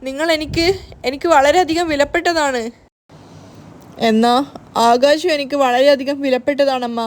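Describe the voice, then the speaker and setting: A woman voicing a heartbroken young woman who pleads tearfully with her family, speaking slowly. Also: sits high, fairly even intonation, close to an everyday voice. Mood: tearful pleading.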